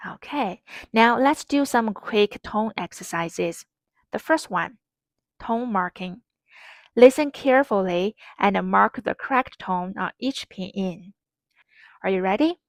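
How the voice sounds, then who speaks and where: A woman teaching a pronunciation lesson, explaining patiently and modeling each sound clearly. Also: mid-range voice, lively intonation, dry recording, studio quality. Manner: slow, patient, clearly enunciated instruction with modeled drills. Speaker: Mandarin teacher.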